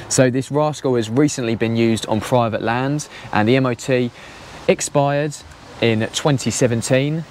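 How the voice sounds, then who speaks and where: A man's voice: medium pitch, a little mellow, slight background noise. A young man giving a chatty, easygoing walkaround of cars on an action camera outdoors in the rain. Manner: chatty, easygoing, quick laughs. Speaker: car vlogger. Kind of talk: casual walkaround commentary. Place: outdoor car auction yard in rain.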